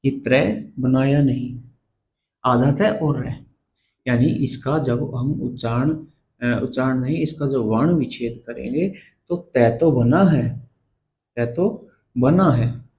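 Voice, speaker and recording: Slow, patient male grammar teacher. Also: mid-range voice, darkish tone, slight background noise, low-quality recording. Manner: slow, repeats terms and quizzes the viewer. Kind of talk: blackboard lesson explaining letters.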